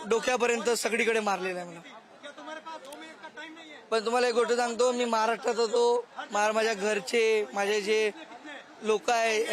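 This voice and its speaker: A man from the Nagpur region, a protester speaking emphatically and haltingly in a street interview. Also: very high voice, a bit bright. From Nagpur region, India.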